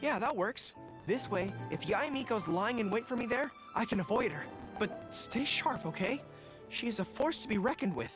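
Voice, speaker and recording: A man's voice: high-pitched, animated, moderate pace, over music. A man voicing an earnest, nervous young male resistance general in a video game. He covers his fear with bravado.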